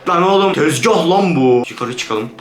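A man's voice: on the high side, expressive, normal speed. A man giving jumpy, swearing commentary on a horror game to his viewers. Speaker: gaming YouTuber. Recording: roomy room with background music.

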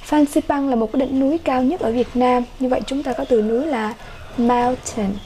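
Vietnamese-accented woman teacher, high voice, slow and deliberate, for a children's English lesson with a faint hiss behind. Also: steady tone, dark tone. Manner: slow, carefully repeated English words. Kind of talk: online workbook lesson for children.

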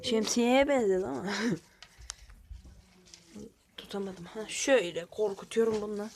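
A woman's voice: medium pitch, normal speed, noisy background. A woman keeping pigeons, talking viewers through her birds in a chatty, blunt way and swearing now and then. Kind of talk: casual vlog commentary to viewers.

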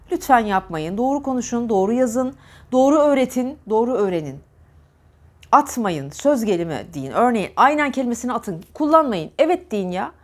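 A woman diction teacher giving an earnest, emphatic lesson to camera. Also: fairly high pitch. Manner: earnest, emphatic, scolding repetition.

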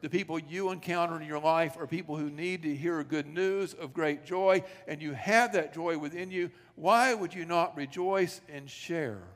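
A man's voice: a little high, normal speed, few pauses, fairly bright tone. A male pastor preaching a sermon in a church sanctuary, telling stories, asking rhetorical questions and acting out quoted dialogue. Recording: long reverb of a church sanctuary.

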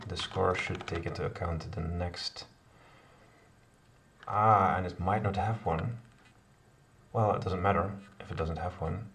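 A middle-aged programmer live-codes a kata in his home office, thinking aloud hesitantly with many fillers and self-corrections. His voice is low with a fairly bright tone. He sounds distant, with clear background noise, keyboard typing and clicks.

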